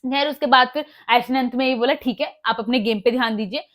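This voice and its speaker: A woman's voice: on the high side, fast talker, fairly bright tone. A woman casually retelling a reality show episode, mixing in English words and acting out quoted dialogue with many fillers. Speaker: show recap vlogger. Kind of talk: casual spoken recap.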